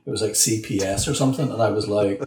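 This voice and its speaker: A man's voice: fairly low pitch, fast talker, darkish tone, a little hiss or hum. A man co-hosting a photography podcast, chatting casually with dry, joking asides. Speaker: podcast co-host. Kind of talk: casual chat. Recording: echoey room.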